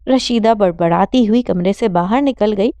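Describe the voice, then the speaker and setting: A woman reading a novel aloud as an audiobook narrator with steady storytelling. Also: medium pitch, clear, resonant tone, dry recording.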